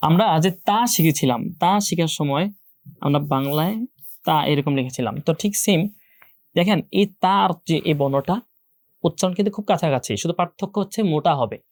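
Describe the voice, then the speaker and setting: Young man, patient online Quran tutor, slightly high voice, dry close sound, drills each sound with many repeats. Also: brisk, no echo. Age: young adult. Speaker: Quran teacher. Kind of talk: online class lecture.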